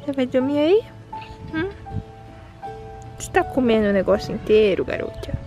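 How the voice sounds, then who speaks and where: A young Brazilian mother with a Brazilian Portuguese accent vlogs casually to camera in a windy park, cooing at her baby. Her voice is high-pitched and very animated at normal speed, with music in the background.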